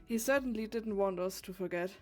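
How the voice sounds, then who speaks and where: A woman's voice: medium pitch, brisk, soft background music. A woman narrating a scripted fan summary with a dramatic build.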